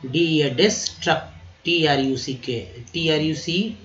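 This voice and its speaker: A man teaching vocabulary, spelling words out letter by letter, repeating them slowly and calling his viewers friends. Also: on the high side, fairly bright tone, muffled recording. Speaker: English teacher. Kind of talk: vocabulary lesson.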